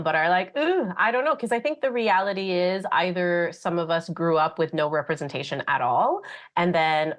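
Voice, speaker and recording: Lady radio host, lowish voice, upbeat and excited. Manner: enthusiastic, animated. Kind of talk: community radio talk.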